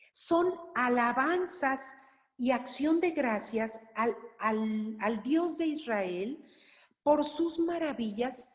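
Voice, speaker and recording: Slow-talking woman teaching Bible class, echoey. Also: a little high, darkish tone. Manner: slow, explanatory, with many fillers and restarts. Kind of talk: online lecture on scripture. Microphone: online class recording. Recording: roomy reverberant online class audio.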